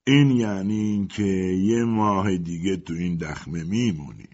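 A man voicing a blunt ship's mate who shouts his remarks in an audiobook. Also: low-pitched, highs cut off. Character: gruff adult male ship's mate, blunt.

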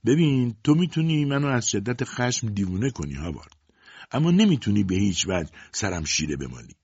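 A man's voice: medium pitch, very animated, slightly rough, dry recording, highs cut off, voice pushed up. A man voicing a scheming mother who pries and mocks her grown children, in a storybook reading. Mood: mocking. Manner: taunting, prying, sharp. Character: scheming, mocking mother, middle-aged woman.

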